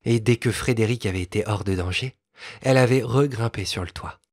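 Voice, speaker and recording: A man narrating a classic fairy tale as an audiobook, with a measured, expressive reading. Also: on the low side, no room sound, clean studio sound. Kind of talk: storybook narration.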